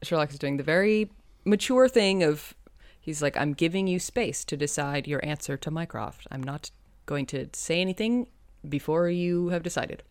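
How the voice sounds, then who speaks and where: Laughing and joking her way through a TV episode recap, this woman co-hosts a podcast and performs lines from the show. She speaks at a moderate pace in a low voice, and the recording is dry.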